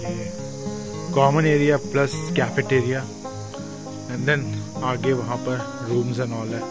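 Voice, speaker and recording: A man's voice: mid-range voice, fairly even intonation, slow, loud music behind the voice. A young man filming a casual travel vlog on his phone at arm's length, chatting outdoors and mixing in English phrases. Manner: mixes Hindi with English phrases, chatty and upbeat. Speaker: travel vlogger. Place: outdoors on a hill-town rooftop and streets. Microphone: phone held at arm's length.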